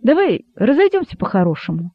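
A man's voice: high voice, huge pitch swings, brisk, slightly rough, no room sound, heavily acted. A man reading an audiobook, voicing an irritable, sulky boa constrictor with a hissing manner. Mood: wheedling. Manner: peevish, hissing. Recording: dry, narrow phone-like sound.

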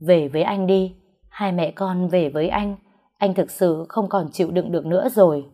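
A woman's voice: fairly low pitch, steady tone, normal speed, warm tone, close to an everyday voice. Woman reading a remorseful, pleading young husband.

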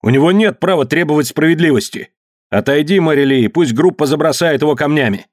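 A man voicing a brutish, bullying male gang boss who shouts angrily. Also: a little high, fast, dry recording, studio quality, voice pushed up, natural voice. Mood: blustering. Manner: angry shouting.

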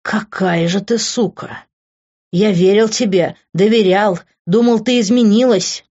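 A woman's voice: lowish voice, moderate pace, darkish tone, lo-fi sound, close to an everyday voice. A woman voicing a sarcastic young man who speaks dryly and coldly. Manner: dry, clipped. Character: cold, sarcastic young man narrator-hero.

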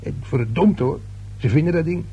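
The voice is husky and gravelly, slightly high and mellow, as an actor plays a nosy, complaining working-class man for radio drama. He speaks haltingly, colloquially and with self-importance, in an expressive way. The mood is boastful and grumbling.

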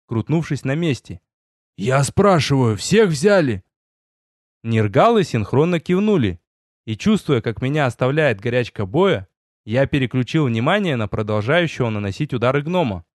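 A man narrating a first-person fantasy story in an audiobook, telling it with lively storytelling and voiced dialogue. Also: mid-range voice, no echo, clean studio sound.

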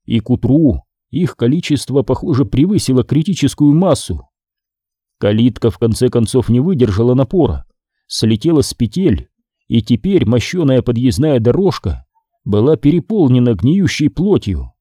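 A man reading a horror audiobook in a measured, expressive storytelling manner. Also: medium pitch, slightly rough, no room sound, studio quality. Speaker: audiobook reader. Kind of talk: scripted horror audiobook narration.

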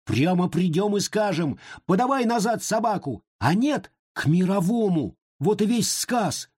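A man voicing a rough, irritable young boy. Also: high voice, lively intonation, unhurried, no room sound, studio quality, pitched above the performer's own voice, exaggerated voice. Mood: scolding. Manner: rough, sharp, scolding.

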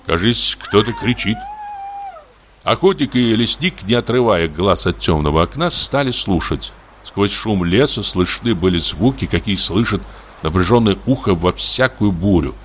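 Expressive male audiobook narrator. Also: deep voice, moderate pace, slight background noise. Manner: expressive storytelling. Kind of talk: audiobook reading of a classic story.

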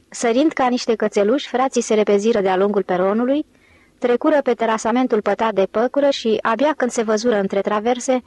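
A woman's voice: fairly high pitch, darkish tone, no room sound. Woman narrating a dry, close audiobook. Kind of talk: scripted narration.

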